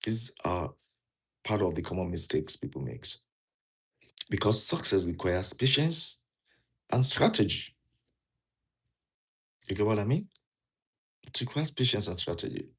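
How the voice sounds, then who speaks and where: With a lowish, breathy voice, a Nigerian immigration vlogger speaks animatedly but a little slowly, leaving long pauses. He wears a jacket indoors and uses Nigerian English in a casual, earnest talk, repeating key points and posing questions to viewers.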